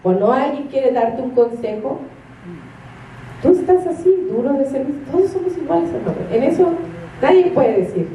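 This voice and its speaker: A woman's voice: high-pitched, animated, moderate pace, highs cut off, slight background noise. A woman, a minister preaching a sermon and telling stories with acted-out quotes and laughter. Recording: echoey room from a distance.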